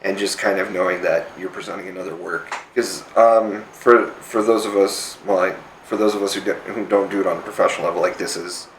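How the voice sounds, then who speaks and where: A podcast host with a deep voice chats casually about theater as a hobby, rambling loosely and using fillers. He talks briskly with fairly even intonation and barely pauses. The rough recording is reverberant, with slight background noise.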